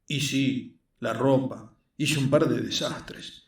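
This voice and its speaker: A man's voice: steady tone, takes it slowly. A man voicing an earnest, skinny young man, explaining his craft patiently. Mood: confiding. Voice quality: squeaky. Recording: roomy echo, mic at a distance.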